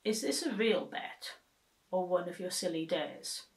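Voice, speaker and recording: A woman doing a booming boastful giant. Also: lively intonation, a little slow, echoey room, recorded from a distance. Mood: cocky. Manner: loud booming shouts. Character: boastful huge male giant, cheerful and daring.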